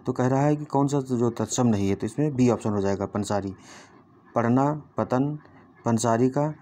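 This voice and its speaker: A man's voice: mid-range voice, normal speed, dark tone, a little hiss or hum. Guy going through an exam paper, reads the options out then explains, trips over words and fixes them, normal mid voice. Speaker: exam tutor. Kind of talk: solving a Hindi exam paper aloud.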